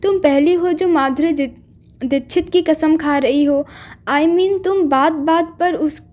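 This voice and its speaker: A woman's voice: sits high, takes it slowly, a little mellow. Woman reading as a teasing young man. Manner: mocking, laughing at her.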